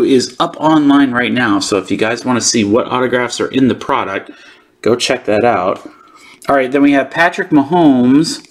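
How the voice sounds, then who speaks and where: A man hosting a sports card channel, giving casual, informal unboxing commentary as he thinks aloud. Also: mid-range voice.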